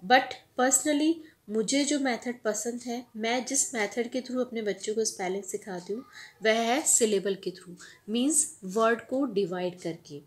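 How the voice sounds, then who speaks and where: A woman teacher speaks unhurriedly, pitched a little high, as she walks through a spelling lesson. She splits each word into syllables and names the letters one by one, patient and explanatory. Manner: spells words out slowly, syllable by syllable. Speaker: teacher and channel host. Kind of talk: spelling lesson mixing Hindi and English.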